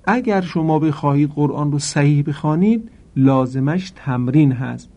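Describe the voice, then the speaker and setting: A man teaching correct pronunciation for Quran recitation, addressing listeners formally and drawing out example words slowly and carefully. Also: fairly high pitch, mellow, muffled recording. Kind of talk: instructional lesson.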